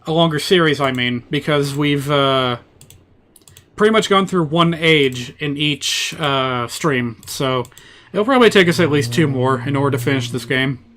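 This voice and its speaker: Male streamer, fairly high voice, bright and forceful, casual game commentary, wry rambling asides. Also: moderate pace.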